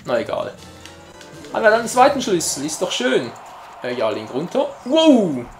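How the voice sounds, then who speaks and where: A man's voice: sits high, huge pitch swings, brisk, reverberant, faint music behind. A man giving casual, jokey gameplay commentary as a let's player, chatting to his viewers.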